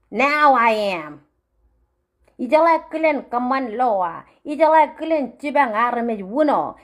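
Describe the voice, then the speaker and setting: Furious, cursing Marshallese woman. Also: fairly bright tone. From Marshall Islands. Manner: profane, threatening, vengeful; drops to a low menacing murmur. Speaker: vlogger. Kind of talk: angry direct-to-camera rant.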